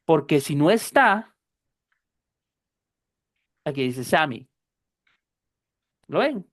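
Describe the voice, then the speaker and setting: A woman teaching a class, explaining slowly and patiently, often repeating herself and checking that her students follow. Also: low voice, sing-song, no echo, studio quality. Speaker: English teacher.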